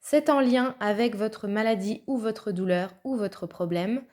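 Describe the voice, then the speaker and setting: A woman's voice: medium pitch, measured pace, darkish tone. A woman giving a casual, chatty tarot card reading, thinking aloud with fillers and little laughs. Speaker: tarot reader.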